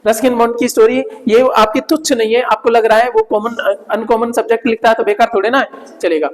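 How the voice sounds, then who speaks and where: High-pitched male teacher, reverberant hall. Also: steady tone, fast talker. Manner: repeats words and checks with "ठीक है ना?". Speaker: English vocabulary teacher. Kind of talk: Hindi-English vocabulary lesson.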